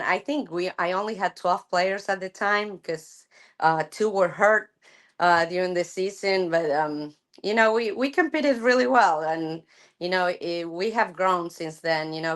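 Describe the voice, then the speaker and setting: A middle-aged woman from Argentina, a softball coach chatting thoughtfully in an interview, with many fillers and restarts. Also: fairly low pitch, a little slow. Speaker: college softball head coach. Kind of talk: casual interview chat.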